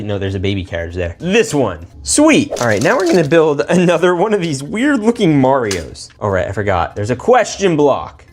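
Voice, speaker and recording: A man with a fairly high voice hosts a casual toy-building and unboxing video, tossing out playful, exclamatory, slangy remarks. Background music plays beneath him, and there's a slight hiss or hum.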